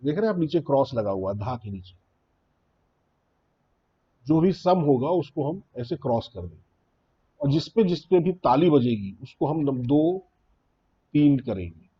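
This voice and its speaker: A man's voice: medium pitch, big pitch swings, measured pace, pauses often, slightly rough, highs cut off. A man teaching a beginners' tabla lesson, explaining rhythm patiently and reciting drum syllables one by one. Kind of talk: spoken music lesson.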